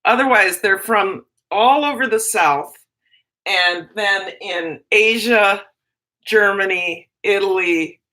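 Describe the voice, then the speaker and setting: Chatting on her livestream, a Minnesota-accented teacher reads out viewer comments and rambles through her answers, often cutting herself off. She speaks slowly at medium pitch with a bright, forceful tone.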